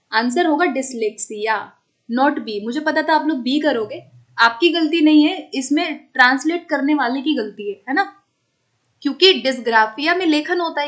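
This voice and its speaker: In an online exam-prep class, a woman with a high-sitting voice walks students through the material step by step, mixing in English terms and repeatedly checking that everyone is following.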